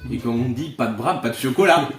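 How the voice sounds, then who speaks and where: A man's voice: medium pitch, quick pace. A man telling jokes casually in a duel, trying not to laugh. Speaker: participant in a joke duel. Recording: roomy echo, guitar music behind.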